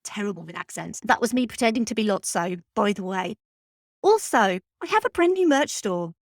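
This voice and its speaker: A woman's voice: mid-range voice, lively intonation, moderate pace, dry recording, clean studio sound. A woman hosting her own podcast, chatting casually and upbeat with listeners and laughing easily. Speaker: podcast host.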